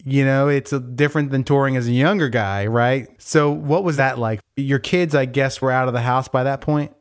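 Forty-nine-year-old male interviewer, clear voice. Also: mid-range voice, moderate pace. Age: 40s. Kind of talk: casual interview questions.

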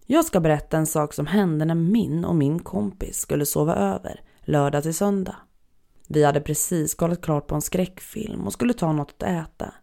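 A narrator reading listener-submitted horror stories aloud in a measured, even storytelling manner. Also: medium pitch, creaky. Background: faint background music.

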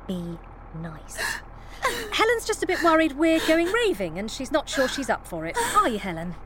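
A woman's voice: sits high, wildly swooping pitch, moderate pace, a crowd in the background. A woman voicing a harried, sensible young mum who speaks in a wary, matter-of-fact way.

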